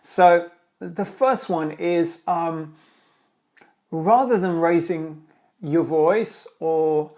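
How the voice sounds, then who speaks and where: Chatty male host with a higher voice. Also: very slow, mellow. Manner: chatty, rambling, with many fillers and restarts. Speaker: speaking coach and trainer. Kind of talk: live-streamed Q&A monologue.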